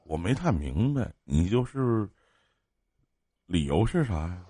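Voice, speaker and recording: A man's voice: sits low, very animated, unhurried. A man chatting casually as a livestream advice host, blunt, teasing and often amused. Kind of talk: casual call-in chat. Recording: very noisy live call, clicks.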